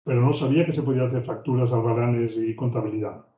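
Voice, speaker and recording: A man with a Spain Spanish accent teaches an online business course, speaking at an everyday pitch. He talks conversationally, circling back and repeating words as he builds each point. The audio is thin and phone-like, with a roomy echo from the online call. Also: fairly even intonation, fast. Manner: conversational, often repeats words and restarts phrases. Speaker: business trainer. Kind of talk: online training lecture. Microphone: video call microphone.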